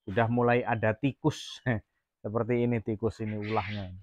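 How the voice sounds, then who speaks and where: A man's voice: fairly low pitch, little pitch movement, moderate pace, no echo. A man from Jambi, Indonesia, running a casual farm vlog about raising quail, rambling with many fillers and restarts. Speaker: quail farmer vlogger. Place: quail farm, near the cages.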